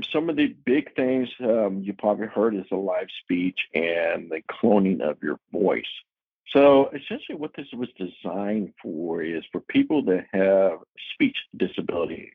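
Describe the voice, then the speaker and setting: A man's voice: deep voice, animated, unhurried, breathy edge, dry recording. A man giving a casual, chatty talk to a technology user group, explaining features with frequent fillers. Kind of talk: casual presentation. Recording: tinny phone-like audio.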